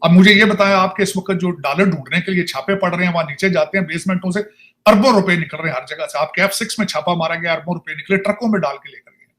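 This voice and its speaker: High voiced guy on a talk show, ranting, keeps asking why why why. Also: fast, a bit bright. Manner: indignant rhetorical questions. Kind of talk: political talk show rant.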